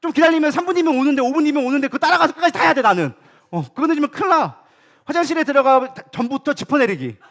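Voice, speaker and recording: A man with a high voice preaches a sermon at a quick clip. He talks in a lively, colloquial way, keeps asking the congregation rhetorical questions, and drops in humorous asides. He sounds like a co-pastor at work in a church. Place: church sanctuary.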